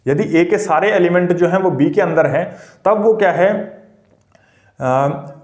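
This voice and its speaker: A man's voice: high-pitched, measured pace, darkish tone, roomy sound. A man teaching a maths lesson for a teaching exam, explaining step by step and repeating himself. He asks the class questions and then answers them himself. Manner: repetitive and explanatory.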